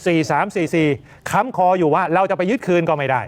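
A male news anchor giving emphatic, animated commentary. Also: on the high side, fast.

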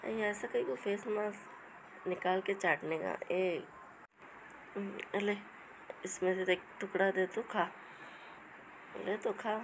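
A woman's voice: mid-range voice, vocal fry, background noise. A woman giving a comic voice-over to pet clips, scolding and coaxing the animals in a playful way. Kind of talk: comic voice-over talking to pets.

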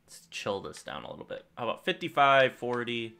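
Here a young man with a smooth, mid-range voice and some vocal fry talks a little fast over his gameplay. It's rambling, think-aloud commentary for his gaming channel, recorded at a desk in a small room at home, with lively shifts in loudness.

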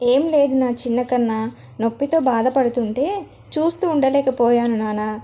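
A woman voicing a young mother who soothes and pleads with her little son, in a high, mellow voice. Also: normal speed, close to an everyday voice. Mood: tender.

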